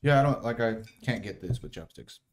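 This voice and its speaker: A man's voice: medium pitch, lively intonation, fairly quick, noisy background. A young man talking informally as a podcast co-host, close to a table microphone in a small studio. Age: young adult. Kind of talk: casual chat. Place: small indoor studio with padded walls.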